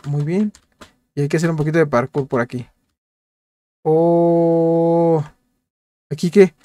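High-voiced man narrating his gameplay. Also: darkish tone, no echo. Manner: chatty, jokey, talks to viewers while playing; repeats words in quick bursts. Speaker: gameplay youtuber. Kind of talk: casual game commentary.

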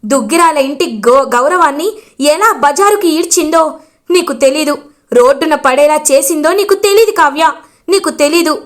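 A woman's voice: high-pitched, normal speed, lightly acted. A woman voicing a proud, stern grandmother who scolds with indignant questions. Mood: angry.

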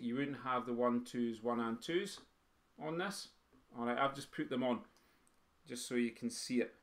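A man leads a beginners' music writing lesson for pipe band drummers. He counts the beats out loud and sings the rhythms in drum syllables. Now and then he stops to quiz his students. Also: medium pitch. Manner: quizzes the students. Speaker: drum teacher. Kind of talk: teaching a music theory lesson.

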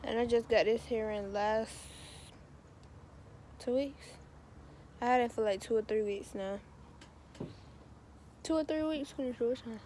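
A young woman talks to her viewers from a park in loose, slangy vlog chat, a little out of breath. Her voice sits a bit high. The handheld phone audio carries clear outdoor noise around her. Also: measured pace, long pauses, dark tone. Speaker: vlogger.

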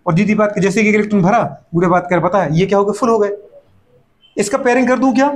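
High-voiced man teaching chemistry, teasing. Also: steady tone, a little hiss or hum. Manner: playful scolding, voices students' replies; fast repeated catchphrases and rhetorical questions. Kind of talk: classroom lecture.

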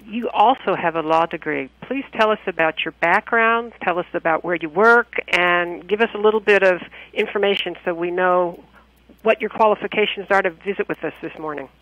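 A man's voice: high voice, moderate pace, sharp tone, dry recording. A man co-hosting a radio interview, asking polite, earnest questions. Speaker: radio co-host. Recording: dull dry phone-line radio audio.

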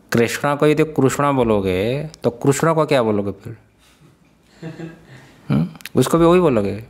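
A male spiritual teacher leads a scripture class at a middle pitch. He keeps asking his listeners questions, chuckles now and then, and slowly drills the pronunciation of syllables. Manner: questioning, quizzes the listeners often. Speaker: Vedanta teacher.

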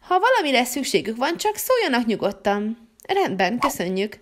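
A welcoming hotel hostess from a toy-figure story, as a woman puts her on. She speaks formally and courteously. Her voice is fairly high and expressive.

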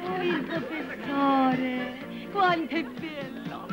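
A woman's voice: high voice, drawn-out words, over loud music, a loud crowd. An actress playing a gushing, pleading, lovesick young woman in a film comedy. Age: young adult. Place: outdoor village square.

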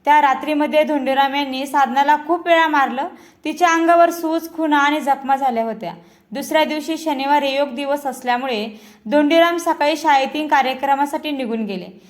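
High-voiced woman narrating true crime. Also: fairly quick. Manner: addresses viewers directly, solemn storytelling.

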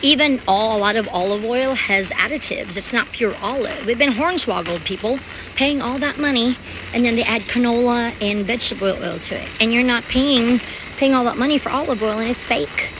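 A woman's voice: fairly high pitch, normal speed, noisy background. A woman vlogging as she shops in a large store, chatting to her viewers in a rambling, casual way. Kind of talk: casual chat while shopping.

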